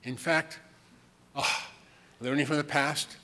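Speaking slowly into the podium mic, this older keynote speaker has a fairly high, bright voice with a steady, forceful tone. Despite that force, his conference lecture stays conversational, dotted with chuckles and frequent ums. The large hall and its audience add long reverb and a faint room noise.

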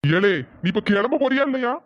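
A man voicing an angry older father in a cartoon, gruff and scolding as he threatens his son-in-law. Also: very high voice, lively intonation, fairly quick. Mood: furious. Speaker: father of the wife. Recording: dull, dry lo-fi audio.

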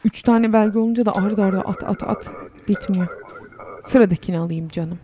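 A woman's voice: medium pitch, a little fast, dark tone, a little hiss or hum. A young woman casually commenting on a game while she plays, chatty and sarcastic, reading the game text aloud as she goes. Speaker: game streamer.

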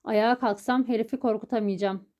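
Woman reading an audiobook, mellow kinda high voice, steady storytelling. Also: a little fast. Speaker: audiobook narrator. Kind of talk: scripted audiobook narration.

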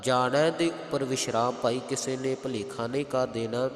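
A man with a Punjabi accent teaching careful scripture recitation, chanting verses slowly and then explaining their pronunciation. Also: medium pitch, fairly even intonation. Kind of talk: slow, careful recitation lesson. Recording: roomy, long hall echo.

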